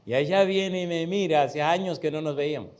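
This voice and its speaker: Male pastor, middle-aged, slightly high voice; storytelling sermon, punchy repetition, direct questions to the congregation. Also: fast talker, darkish tone. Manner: emphatic, repeats key words for stress; addresses listeners directly with questions.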